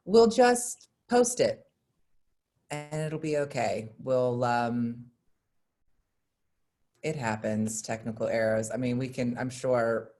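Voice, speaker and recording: On a video call, a moderator and theater collaborator fields questions in a casual, hesitant chat, rambling a little. The voice is mid-range with a darkish tone.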